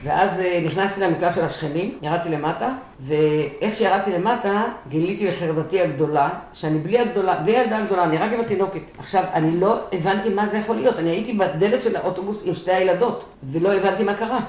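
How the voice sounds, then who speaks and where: An older woman recounting a personal war memory in an interview, emotional and vivid, acting out what she shouted. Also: fairly low pitch, reverberant. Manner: emotional storytelling, acts out quoted shouts.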